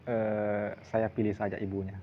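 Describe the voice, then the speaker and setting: A man's voice: on the low side, little pitch movement, moderate pace, natural voice. A man voicing a humble young suitor. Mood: earnest, polite. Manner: polite, pleading, repeats forms of address. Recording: dull lo-fi recording, faint hiss.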